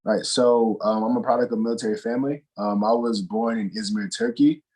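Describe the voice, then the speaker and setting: A young man from North Carolina, a college basketball player answering interview questions in a relaxed, rambling way full of fillers and restarts. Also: lowish voice, fairly quick, slightly rough, low-quality recording. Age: young adult.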